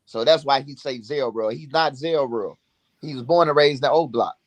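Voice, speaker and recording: A man's voice: mid-range voice, moderate pace, no room sound. Slangy man chatting on a livestream. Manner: slangy, swearing street talk. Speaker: livestream host. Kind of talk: casual livestream chat and storytelling.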